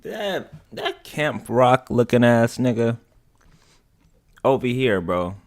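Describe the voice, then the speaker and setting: A man's voice: medium pitch, very animated, takes it slowly. A man streaming casual, slangy and profane commentary as he reacts to videos.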